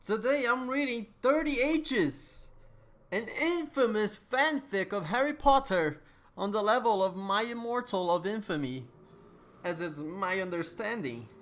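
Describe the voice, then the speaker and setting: A performer reads a fan fiction aloud in a mock-dramatic, theatrical comedic style. The voice is mid-range, a bit bright, lively in intonation and unhurried, sometimes tripping over words and rereading phrases.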